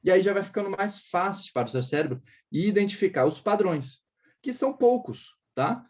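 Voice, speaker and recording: Animated and high-pitched, a French teacher with a Brazilian Portuguese accent speaks at a moderate pace during an informal private lesson, patiently explaining, demonstrating sounds to repeat, and often checking on his student.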